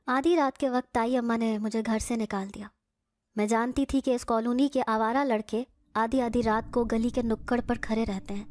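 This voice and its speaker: Woman storyteller, emotional first-person horror narration, slightly high voice. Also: a little mellow, slight background noise.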